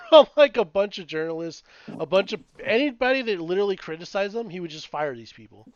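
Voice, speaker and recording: A man's voice: high-pitched, fairly quick, no echo. A man in his late thirties, chatting casually as a podcast co-host, swearing and ranting in a rambling way. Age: 30s. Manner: profane, rambling, animated ranting. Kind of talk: casual chat. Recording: dull lo-fi dry sound.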